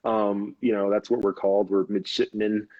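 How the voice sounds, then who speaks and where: On a live interview, a Navy officer from the United States in his thirties speaks at a normal speed with a fairly low, darkish voice and flat delivery. He comes across easygoing, laughing often and restarting sentences amid many "um"s. The lo-fi video call audio is dull, with no room sound.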